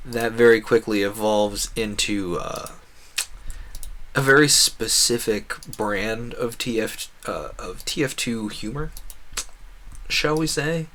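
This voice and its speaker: This gamer's voice sits on the low side yet has a fairly bright tone, and he speaks slowly. Chatting offhandedly over his stream, he wanders through ideas and keeps restating them mid-thought.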